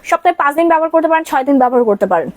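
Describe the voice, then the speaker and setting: A woman with a Bangladeshi Bengali accent hosting a live-stream sale, pitching products in a rapid-fire patter and repeating prices and calls to order. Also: animated, a little mellow, dry recording. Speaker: live sales host. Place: shop or stockroom during a live stream.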